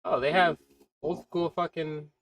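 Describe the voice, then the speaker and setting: A man's voice: a little high, steady tone, measured pace, fairly bright tone, no echo, low-quality recording. A man hosting a casual gaming stream, drifting between remarks with offhand comments and the odd curse.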